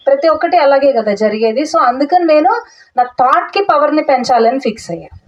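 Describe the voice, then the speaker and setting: High-voiced woman giving a testimony talk. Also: darkish tone. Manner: earnest storytelling with frequent restarts and English words. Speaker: meditation talk speaker. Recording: dull audio from a distance.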